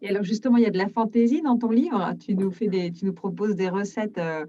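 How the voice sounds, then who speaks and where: Woman host, soft halting questions; dark tone, recorded far off with a dull sound. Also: medium pitch. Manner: hesitant, friendly questioning. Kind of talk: interview questions.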